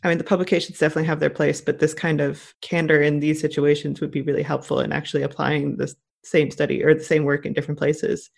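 A woman's voice: deep voice, little pitch movement, fast talker, creaky, few pauses, darkish tone. A woman co-hosting a podcast, speaking reflectively in a casual chat and often adding "you know". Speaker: podcast co-host.

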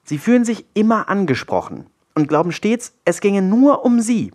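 A man's voice: high-pitched, sing-song, moderate pace, a little mellow. A man narrating a children's storybook aloud, playful and with wry asides.

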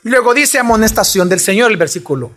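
A man's voice: sits high, animated, fast talker, fairly bright tone. A man preaching a sermon, pressing his listeners with emphatic rhetorical questions.

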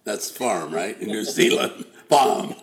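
Gravelly older man hosting a podcast. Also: fairly low pitch, expressive, slow, over a noisy crowd. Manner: rambling, many fillers and restarts. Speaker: podcast host. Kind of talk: casual interview.

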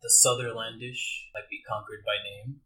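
A man voicing a boozy, roguish sailor in a tabletop game, talking quietly and wryly. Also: fairly low pitch, flat delivery, normal speed, far from the mic, poor audio.

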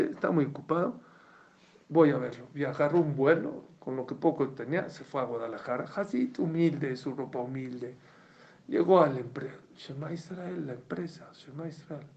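Animated man telling a sermon story. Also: mid-range voice. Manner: animated storyteller, voices quoted characters. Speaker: rabbi or religious speaker. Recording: dull lo-fi recording.

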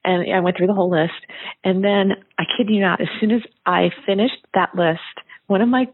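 Brief: talkative woman, a private chef, husky mid-range voice, dry tinny phone sound. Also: medium pitch, fairly even intonation, brisk, dry recording. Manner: chatty, storytelling with restarts. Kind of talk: casual chat, telling a story. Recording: phone-line audio.

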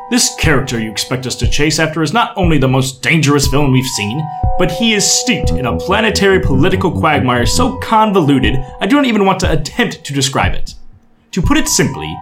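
A man's voice: a little high, pitched above the performer's own voice. A man doing a pompous formal adviser. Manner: formal and precise.

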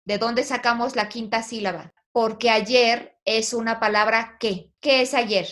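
A woman's voice: a little high, steady tone, a little slow, a bit bright. A woman teaching a poetry lesson, asking her students questions and guiding them patiently. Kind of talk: online poetry class.

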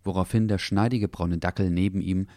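A man narrating a children's story in a calm, even, gentle manner. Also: deep voice, fairly quick, no echo, studio quality.

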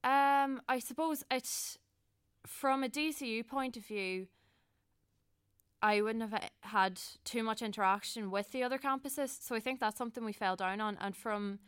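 A woman's voice: on the high side, fairly even intonation, normal speed, fairly bright tone, smooth, no echo, studio quality. A young woman with a Donegal Irish accent giving earnest, conversational interview answers as a student election candidate, often correcting herself as she goes. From County Donegal, Ireland. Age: young adult.

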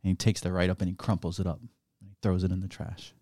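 A man on a podcast telling an animated story with crude humor. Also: sits low, quick pace, no echo, studio quality. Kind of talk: casual podcast chat, storytelling.

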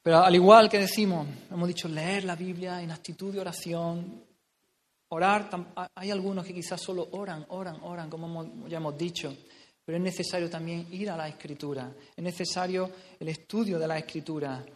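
A man's voice: on the high side, steady tone, a little fast. A man from preaching a sermon, stressing his points, repeating phrases and asking the congregation questions. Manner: emphatic, repeats phrases, asks rhetorical questions. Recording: reverberant hall sound.

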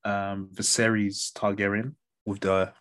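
A man with a London roadman accent chatting casually as a podcast host, using lots of slang and swearing as he tells stories in an animated way. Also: on the low side, unhurried. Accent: London, urban street slang. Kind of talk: casual banter about TV shows.

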